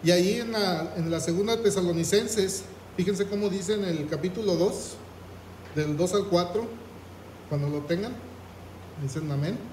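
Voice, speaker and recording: A man's voice: sits high, normal speed, a little mellow, reverberant, slight background noise, low-quality recording. A man preaching a sermon, reading scripture aloud and asking the congregation questions. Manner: reads scripture aloud, asks the congregation "¿qué?".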